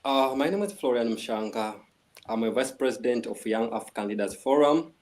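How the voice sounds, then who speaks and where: Formal male guest from Tanzania, mid-pitch, stops and restarts often. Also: moderate pace, darkish tone. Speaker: guest, organization vice president. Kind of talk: formal presentation on a video call. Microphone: video call.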